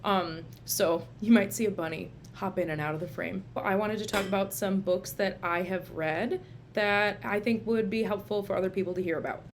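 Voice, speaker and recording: A licensed social worker and therapist from Minnesota, USA, with the local accent, gives a casual book review on video from the home room she uses for telehealth sessions. She is chatty and informal, her medium-pitched voice steady at a moderate pace, with slight background noise.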